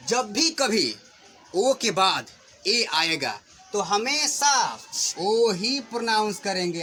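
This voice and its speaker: A male teacher with a high, bright voice walks children through a pronunciation lesson. He asks questions and then answers them, hitting each example word firmly. A faint hiss of noise sits under the recording. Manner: patient, questioning, stresses example words loudly. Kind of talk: classroom lesson explaining English pronunciation to children.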